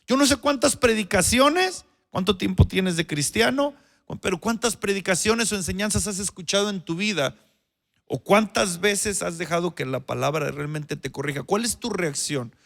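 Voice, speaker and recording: A man preaching as a pastor, his voice pitched high for a man. It carries a gravelly rasp. He swings from loud, emphatic phrases down to low, quiet ones, repeats himself for effect and keeps asking his listeners questions. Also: expressive, moderate pace. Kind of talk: sermon.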